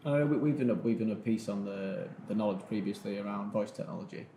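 A man's voice: lowish voice, fast talker, warm tone. A man talking casually as a panellist in a podcast discussion. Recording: roomy echo, faint noise.

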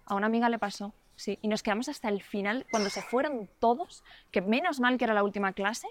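A woman's voice: a little high, fast, a little hiss or hum. Woman reacting with indignation. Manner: reactive, backchanneling, indignant exclamations. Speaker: podcast co-host. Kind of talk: casual chat while walking dogs. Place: outdoors on a street, walking a dog.

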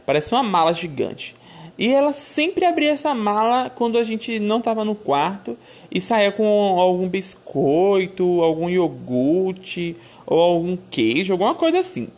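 Animated woman telling stories. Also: medium pitch, unhurried. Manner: animated, exclamatory, addresses listeners as "minha filha". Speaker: storyteller. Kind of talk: casual personal storytelling.

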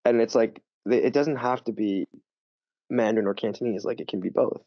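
A language teacher appears as a podcast guest in a casual interview chat, telling stories animatedly, full of fillers and quick restarts. His voice sits on the low side. The audio is dull, muffled, dry and close, with no room sound.

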